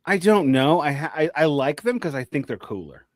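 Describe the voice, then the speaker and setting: A man's voice: on the high side, sing-song, normal speed, no echo, studio quality. A man co-hosting a casual podcast chat, joking and cursing, often restarting his sentences. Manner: joking, profane, stammering restarts. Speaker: podcast co-host.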